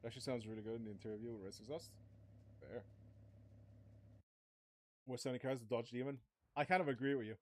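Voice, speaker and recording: A man's voice: mid-range voice, steady tone, fast, pauses often. Rambling young man streaming a racing game. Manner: rambling, swears, chats to viewers. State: starting to lose his voice. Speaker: gaming streamer. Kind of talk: casual live-stream commentary.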